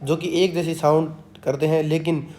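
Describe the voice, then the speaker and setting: A man tutoring students through an exam paper. He reads English definitions slowly, then explains them in Hindi. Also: a little high, level tone, darkish tone. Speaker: exam tutor, channel host. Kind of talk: exam-prep lesson explaining a question paper.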